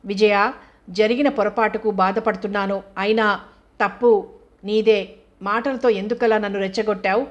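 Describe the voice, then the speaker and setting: A woman's voice: mid-range voice, steady tone, moderate pace, pauses often, lo-fi sound, lightly acted. A woman voicing a curt, angry businessman husband. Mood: irritated, scolding. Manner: curt, defensive, scolding. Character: short-tempered rich businessman husband.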